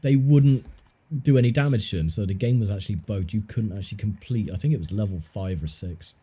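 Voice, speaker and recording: A man's voice: lowish voice, a little fast, warm tone, slightly rough. A man streaming, telling rambling stories in casual chat with a friend. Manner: rambling, self-interrupting storyteller.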